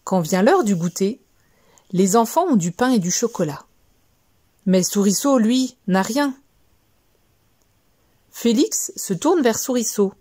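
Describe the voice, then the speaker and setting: A woman storyteller reading a children's story aloud in a gentle, measured way. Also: mid-range voice, animated, breathy edge, dry recording, clean studio sound.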